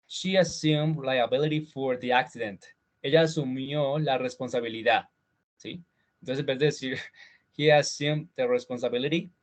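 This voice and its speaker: A man teaching English pronunciation in an online class, relaxed and chatty, slowing down to say model words again and again. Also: medium pitch. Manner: switches to slow, drawn-out model words and repeats them; relaxed, chatty teaching with fillers and small laughs. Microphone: computer mic on a video call.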